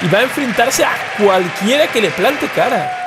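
A man's voice: high voice, animated, moderate pace. A man giving live commentary as a wrestling commentator. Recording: noisy sports hall with crowd. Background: crowd and hall noise.

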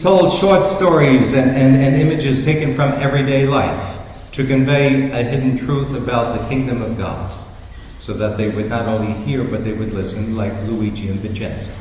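A priest reading the gospel and preaching a sermon in a large church, telling stories and asking rhetorical questions. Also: male voice, medium pitch, slight background noise. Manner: storytelling, emphatic with rhetorical questions. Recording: echoey church hall with reverb.

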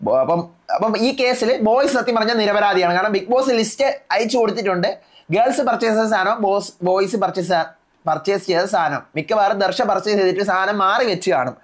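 In a laid-back recap of a reality show episode, a high-voiced man quickly runs through what every contestant said.

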